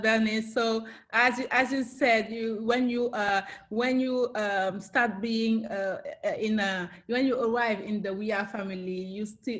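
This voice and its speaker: A woman hosting a webinar interview, halting and restarting her questions and laughing often. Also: mid-range voice, a bit bright. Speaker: webinar host. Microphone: video call.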